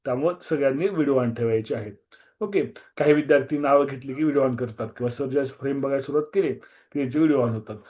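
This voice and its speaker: A slightly hoarse man with a Marathi accent, teaching a strict online maths class over a video call and repeating key words, with some English mixed in. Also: mid-range voice, fast. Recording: muffled video-call audio.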